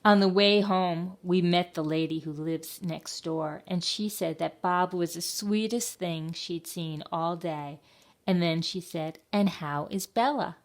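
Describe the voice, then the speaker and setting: Slow, gravelly woman reading to children. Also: fairly low pitch, fairly even intonation. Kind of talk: children's storytime read-aloud.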